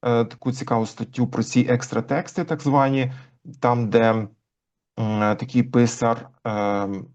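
A man as an interview guest, explaining language history thoughtfully with frequent pauses. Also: medium pitch, fairly even intonation, a little mellow. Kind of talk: conversational interview. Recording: dull lo-fi recording.

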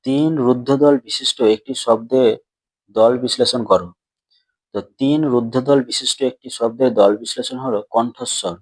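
A man's voice: medium pitch, darkish tone, breathy edge, dry recording. Patient male teacher, dry close sound. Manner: patient, repeats questions and answers them himself; stretches out words slowly when splitting syllables. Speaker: Bengali grammar teacher. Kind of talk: classroom lesson explanation.

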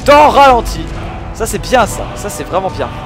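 Excitable gamer, lively high voice. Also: male voice, a little fast, soft background music. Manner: excitable, swears, shouts at the game. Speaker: gaming video host. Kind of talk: casual gameplay commentary.

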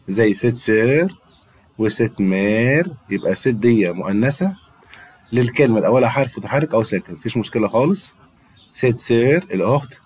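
A man's voice: mid-range voice, darkish tone, slightly rough. A man with an Egyptian Arabic accent, teaching a French grammar lesson to students and patiently repeating words for them to drill. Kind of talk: classroom-style grammar lesson.

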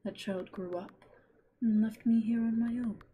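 Girl doing a soft whispery lonely witch mom, slow and gentle, whispered role-play, bit of hiss behind. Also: fairly high pitch, fairly even intonation, phone-quality sound, natural voice. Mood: tender. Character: soft-spoken lonely motherly witch woman.

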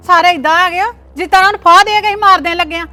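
Actress as a scolding mother-in-law, fast sharp talk, bright high voice. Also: soft background music. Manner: quick, scolding, sarcastic. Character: sharp-tongued mother-in-law defending her son.

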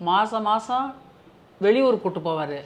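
A woman's voice: mid-range voice, animated, a little slow. Playful woman rehearsing lines. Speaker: actress in comedy skits. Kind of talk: casual skit rehearsal.

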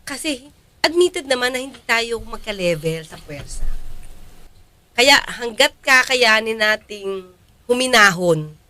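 A woman's voice: on the high side, expressive, unhurried, pauses often, pushed and bright. A woman, co-hosting a casual commentary chat as a lawyer. She speaks to viewers directly and mixes in English. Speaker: lawyer and co-host.

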